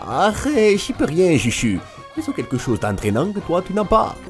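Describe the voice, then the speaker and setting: A frantic, easily spooked cartoon doctor with a deep, swooping voice, as a woman puts him on. He exclaims his lines in a panic while loud music plays behind him. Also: sing-song, normal speed. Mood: smug.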